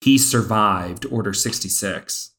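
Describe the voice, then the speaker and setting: A man co-hosting a podcast, talking thoughtfully about a TV series with drawn-out phrasing and fillers. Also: on the low side, fairly bright tone. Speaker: podcast co-host. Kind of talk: casual chat about a TV series.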